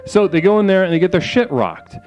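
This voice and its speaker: A man's voice: high-pitched, sing-song, fast, a little mellow, lo-fi sound, faint music behind. A man hosting a live stream as a self-styled spiritual leader, in a rambling comedic monologue that is mock-solemn, full of stammers and crude asides. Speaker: host of a mock spiritual livestream.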